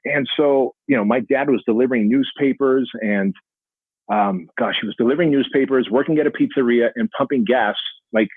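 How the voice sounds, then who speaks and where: A man in his forties from an Armenian family in the Soviet Union, who grew up speaking Armenian, earnestly tells his life story as a podcast guest in a storytelling interview. His medium-pitched voice is fairly quick and slightly rough. The dry, tinny line sounds phone-like, with no echo.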